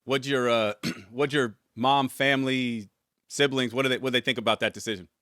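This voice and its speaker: A man's voice: medium pitch, steady tone, a little fast, fairly bright tone, dry recording, clean studio sound. A man hosting a podcast interview, speaking casually and calling his guest brother and man. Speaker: podcast host.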